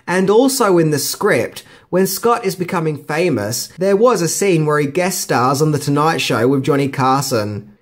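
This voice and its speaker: A middle-aged man narrates scripted movie trivia as a video host. He drops in casual, slangy asides, and music plays behind his voice. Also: a little high.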